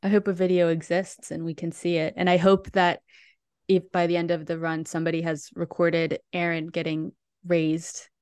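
Lady podcast cohost, lower voice, rambly casual theater chat, dry mic. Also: flat delivery, normal speed, darkish tone, clean tone, no room sound. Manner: chatty, lots of "like" and restarts. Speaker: podcast co-host.

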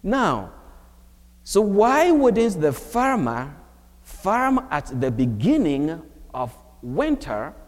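A man preaches a homily slowly and deliberately, his pitch rising and falling a great deal. His fairly high voice rings out with the long reverb of a church. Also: wildly swooping pitch. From Ghana. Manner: slow, measured preaching with wide swings of pitch. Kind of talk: homily at Mass.

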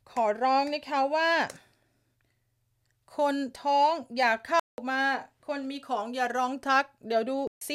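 A woman from Thailand hosts a loose, chatty live stream from an upstairs room at home. Her voice sits a little high, and she giggles often as she answers viewers. A lingering cough hangs about her. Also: fairly bright tone. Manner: chatty, giggly, reads viewer comments aloud. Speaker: live-stream news host. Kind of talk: casual live-stream chat.

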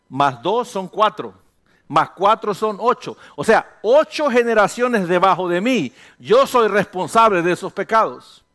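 Pastor, man, high voice, lively sermon delivery, rhetorical questions, slips into English now and then. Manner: animated, rhetorical questions, voices imagined listeners; mixes in English phrases.

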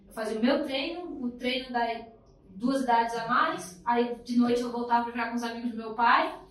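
A woman's voice: on the high side, normal speed, far from the mic. A young woman from Bahia, a guest telling stories in a chatty, upbeat way. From Bahia, Brazil. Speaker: guest, emergency doctor. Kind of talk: casual podcast chat. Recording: roomy echo, off-mic.

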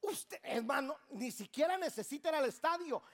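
Brief: woman preacher, very high voice, fiery, shouts to the church. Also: expressive, normal speed. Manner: passionate, calls out to the congregation, bursts into shouts. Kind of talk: sermon. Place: church sanctuary.

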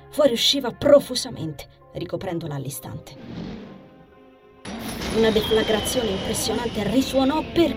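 Woman narrating a dark fantasy audiobook. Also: mid-range voice. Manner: expressive, theatrical reading with sharp shifts in loudness.

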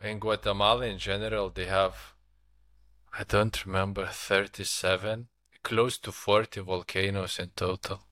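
Slow, halting male interviewer. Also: on the low side, little pitch movement, fairly bright tone, no room sound. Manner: slow, halting, repeats words. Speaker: podcast host. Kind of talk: casual interview.

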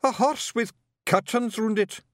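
A man's voice: sits high, unhurried, fairly bright tone, dry recording, clean studio sound, voice pushed up. A man voicing a very tiny, earnest male fairy with a Scottish accent who talks eagerly.

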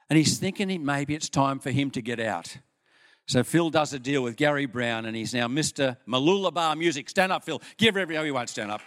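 An older Australian pastor preaching a sermon in a church, with folksy stories and an unhurried manner. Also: male voice, fairly high pitch. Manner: folksy storytelling, lively with pauses. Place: church hall.

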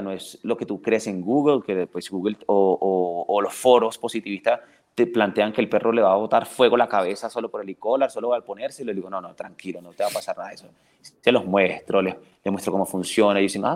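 This Colombian man trains dogs and explains his approach at length during a podcast interview. His voice is fairly low and a little fast, and he's lively, often starting over while playing the parts of owners and their dogs.

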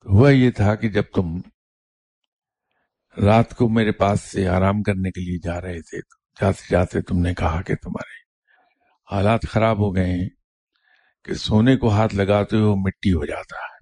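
Calm wise king, older man, told by a male narrator, husky, measured. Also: lowish voice, no room sound. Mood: reassuring. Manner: measured, explaining gently. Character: kindly wise old king, patient and calm.

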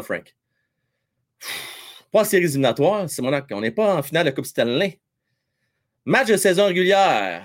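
Man, Québécois accent, high pitch, fan livestream host, excitable hockey commentary, joking. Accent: Québécois French. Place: at home.

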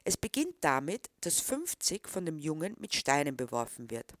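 A woman giving a scripted literary introduction and reading aloud, expressive and engaged. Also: deep voice, moderate pace, no room sound, studio quality. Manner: expressive, recommending tone. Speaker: literary reader.

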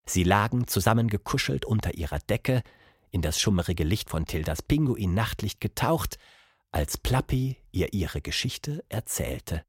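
A man narrating a children's story with an expressive reading manner. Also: on the low side, measured pace, slightly rough, no echo, studio quality.

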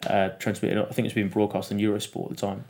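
Man, lowish voice, animated storyteller, casual interview guest. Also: fast talker, slight background noise. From United Kingdom. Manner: animated, laughing storyteller who acts out quotes. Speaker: podcast guest.

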